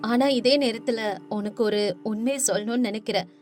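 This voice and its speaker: Brief: a woman playing a determined village woman, high voice, earnest and firm, music underneath. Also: steady tone, fairly quick, close to an everyday voice. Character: humble hardworking village woman, elder sister.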